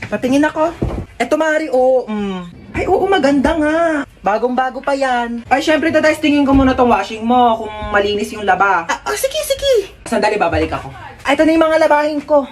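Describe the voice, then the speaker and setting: A woman acting out short comic skits, jumping between characters in a lively way. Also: high-pitched, fairly quick, slight background noise. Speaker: comedy skit creator. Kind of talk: comic skits playing several roles.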